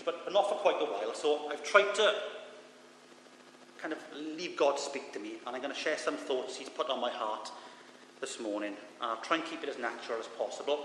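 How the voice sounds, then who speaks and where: A man's voice: medium pitch, sharp tone. A man with a thick Swansea Welsh accent giving an informal, self-deprecating sermon as a lay preacher. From Swansea, Wales. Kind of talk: informal sermon with Bible reading. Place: large reverberant church room. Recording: echoey hall, reverberant, with background noise.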